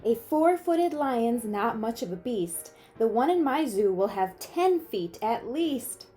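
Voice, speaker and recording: Woman, rhyming read-aloud, expressive emphasis, soft warm tone, a little high-pitched. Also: slow, faint music behind. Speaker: teacher reading a picture book aloud.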